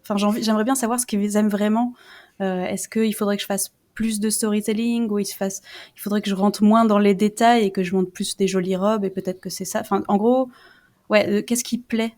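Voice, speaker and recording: A woman's voice: mid-range voice, fairly even intonation, a little fast, a little mellow. A woman from France, a guest on a podcast, talking casually with a lot of hesitation, fillers and restarts. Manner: hesitant, many fillers and restarts, self-deprecating. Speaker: guest YouTuber.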